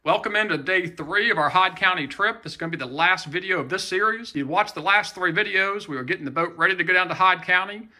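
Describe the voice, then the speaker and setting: A hoarse-voiced man talks through his day from a small boat on open water. His voice sits a little high for a man, and he keeps an easygoing, plain-spoken manner. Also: fast, hardly any pauses, no room sound. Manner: relaxed, plain-spoken storytelling. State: hoarse, lost voice. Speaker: hunting video host. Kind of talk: outdoor vlog narration.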